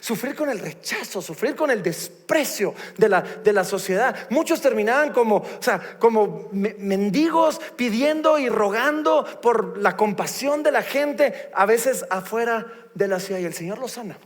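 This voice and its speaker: A man delivers a sermon, reading scripture and retelling the stories with playful humor. His voice sits very high for a man. The long reverb of a church sanctuary trails behind every phrase. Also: normal speed, few pauses. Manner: animated, reads scripture aloud and retells it with humor. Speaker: preacher.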